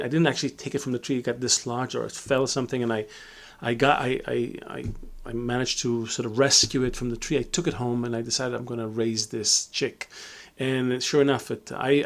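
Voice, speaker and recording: A middle-aged man from Israel giving a reflective live Q&A talk as a Kabbalah teacher, with many fillers and restarts. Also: medium pitch.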